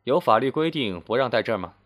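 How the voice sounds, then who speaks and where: A man's voice: mid-range voice, lively intonation, quick pace, a bit bright, lightly acted. A man voicing a proud, stubborn man in his fifties. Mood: defiant. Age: 50s. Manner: blunt, boastful retorts. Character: stubborn proud fifty-year-old man, touchy about his age.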